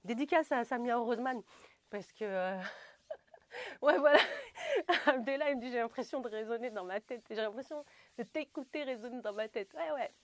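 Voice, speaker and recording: A woman's voice: on the high side, expressive, normal speed, no echo. A young woman leading a goofy yoga class in French, rambling with slangy asides and frequent giggles. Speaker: yoga teacher. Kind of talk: playful self-mocking yoga class.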